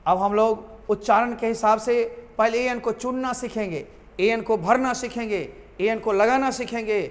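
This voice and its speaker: A man's voice: very high-pitched, steady tone, moderate pace, in a large hall. A man teaching a grammar lesson to students, repeating key points and calling them his children.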